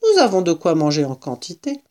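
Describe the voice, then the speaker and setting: Storybook father fox, sly and sure of himself, lively delivery a woman plays it. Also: lowish voice, a little fast. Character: clever, confident adult male fox, a father.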